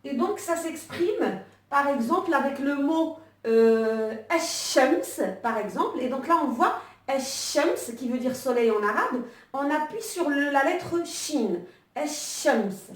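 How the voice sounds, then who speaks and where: A woman's voice: high voice, expressive, a little slow. A woman teaching an online Arabic lesson, explaining patiently with many fillers and restarts while she writes. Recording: echoey room, voice from a distance.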